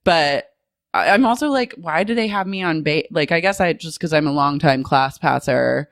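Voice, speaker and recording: A woman's voice: low voice, normal speed, no echo, studio quality. A woman co-hosting a comedy podcast, chatting sardonically with casual swearing. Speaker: podcast co-host.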